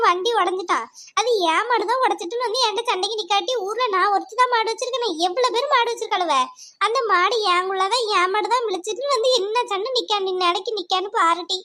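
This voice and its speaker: A woman voicing a weary, sharp-tongued middle-aged village wife who keeps cows, speaking. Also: very high-pitched, no echo. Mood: complaining. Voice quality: grumbling, scolding. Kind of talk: cartoon voice acting.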